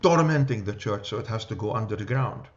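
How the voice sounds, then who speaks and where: A man's voice: on the low side, animated, a little fast, dull audio. A man with a New York accent teaching an adult church class, talking loosely and checking in with "okay?" and "right?". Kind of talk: church class lecture with discussion.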